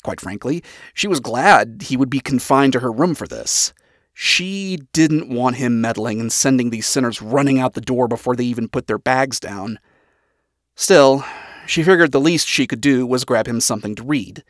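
A reader narrating a chapter of a story aloud with expressive storytelling. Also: mid-range voice, normal speed, no room sound, studio quality. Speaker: audiobook reader.

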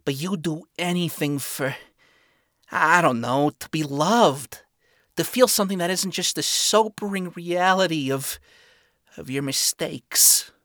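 Man putting on a higher, drawling, jaded male demon, slangy and profane, dry close sound. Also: unhurried, fairly bright tone, no room sound. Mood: bitter. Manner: slangy, swearing, world-weary. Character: weary flamboyant male spider demon. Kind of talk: fan fiction reading.

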